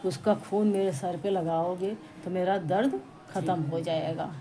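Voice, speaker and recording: A woman casually telling a devotional folk tale to listeners around her, in a chatty, halting way with restarts and asides. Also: on the low side, mellow. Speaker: storyteller. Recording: home recording with clear background noise.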